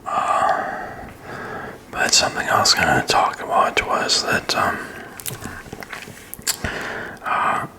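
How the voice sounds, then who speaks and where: A man in his thirties rambles in a halting, unscripted whisper for ASMR, very close to a desk microphone in a small quiet room. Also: rough recording. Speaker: ASMR video creator. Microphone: desk microphone with furry windscreen, very close.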